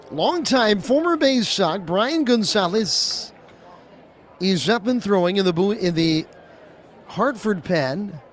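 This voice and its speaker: A man calling a baseball game as play-by-play announcer on the radio, rising to excited calls on big pitches.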